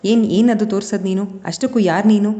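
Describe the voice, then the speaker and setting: A woman's voice: medium pitch, quick pace, dark tone, natural voice. A woman voicing a frightened, timid teenage girl who stammers when she is afraid. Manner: stammering, fearful. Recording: long reverb.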